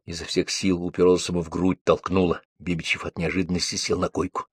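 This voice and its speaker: Low, husky male reader. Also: little pitch movement, fairly quick, no room sound, clean studio sound. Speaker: audiobook reader. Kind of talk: scripted narration of a play.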